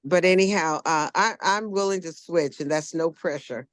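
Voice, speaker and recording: A woman's voice: lowish voice, normal speed, dry recording, clean studio sound. A woman on a committee video call, speaking hesitantly with stammers and frequent restarts. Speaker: committee member. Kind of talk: community board meeting discussion.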